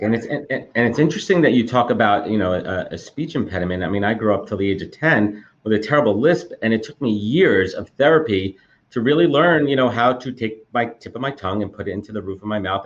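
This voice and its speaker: A podcast host, slightly congested from a cold, speaks rapidly and eagerly in a medium-pitched voice, often repeating words during a conversational interview. The sound is lo-fi.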